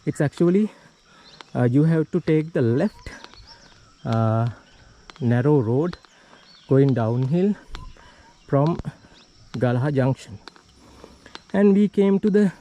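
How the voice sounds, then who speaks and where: A man's voice: mid-range voice, dark tone, rough recording. A Sri Lankan man narrating his hike on a tea estate trail to an action camera, a bit out of breath as he walks uphill. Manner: walking uphill while talking, slightly winded. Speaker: hiking vlogger.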